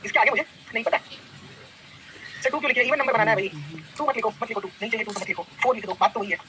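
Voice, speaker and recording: A man lectures a math class at a fast clip, firing repeated questions at his students. His voice is bright and forward, with a faint hiss of noise under it. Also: sits high, low-quality recording. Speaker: math teacher. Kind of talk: classroom lecture, mixing Hindi and English.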